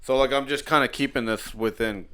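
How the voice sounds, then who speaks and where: Middle-aged dad on a podcast, bright voice, jokey, swears a bit. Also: male voice, medium pitch, fairly quick, slight background noise. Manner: animated, joking, swears casually. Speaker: podcast co-host, father. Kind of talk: casual family chat. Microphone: studio headphones and desk mic.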